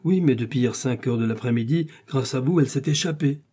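A man's voice: mid-range voice, fairly quick, dark tone, pitched above the performer's own voice, lightly acted. A man voicing a stern, suspicious police commissioner who interrogates in a storybook reading.

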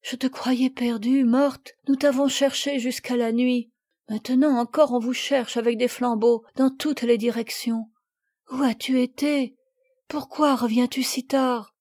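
Lady doing a gentle strict mom from an old storybook, calm and firm. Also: fairly high pitch, unhurried. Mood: grave. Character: gentle, grave mother, noble lady.

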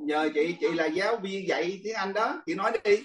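A man's voice: high voice, brisk. An older man, a monk, teaching a class in casual, chatty talk, often laughing and speaking straight to his students. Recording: echoey room, far from the mic.

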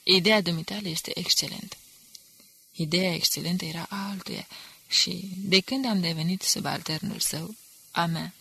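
A woman's voice: lowish voice, creaky, sharp tone, husky, full character voice. A woman reading the part of a contemptuous, hard-drinking male enemy agent who speaks with cool disdain. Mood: scornful.

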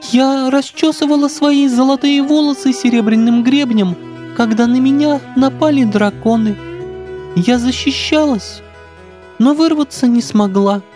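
A man voicing a gentle young princess who exists only as a reflection in a river, speaking softly and wistfully. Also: extremely high pitch, measured pace, faint music behind, voice pushed up. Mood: tender. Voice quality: soft, tender voice. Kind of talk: storybook reading.

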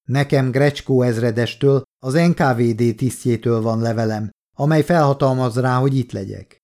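A man's voice: medium pitch, a little mellow, close to an everyday voice. A man reading an audiobook, voicing a defiant young male soldier who argues back in an earnest, stubborn way.

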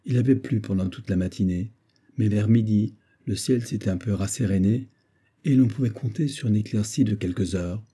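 A man narrating a classic adventure novel as an audiobook, in a measured, steady reading. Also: on the low side, husky. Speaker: audiobook reader.

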